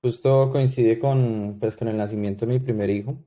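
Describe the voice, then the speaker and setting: Brief: Colombian man in his thirties, mellow and relaxed, halting with lots of "eh" and "em". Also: medium pitch. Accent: Colombian Spanish. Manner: hesitant, many fillers and restarts. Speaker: guest consultant. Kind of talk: podcast interview.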